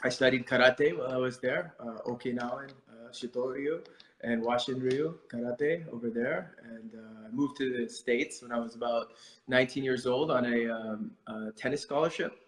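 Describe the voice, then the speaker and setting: Interview guest: middle-aged man from India, mid-pitched, reflective, echoey room. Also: normal speed. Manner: thoughtful, with many fillers and restarts. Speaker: guest martial arts instructor.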